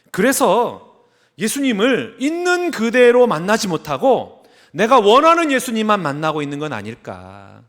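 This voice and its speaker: A man's voice: high-pitched, fairly bright tone. A middle-aged male pastor preaching a sermon, asking the congregation questions and acting out quoted voices.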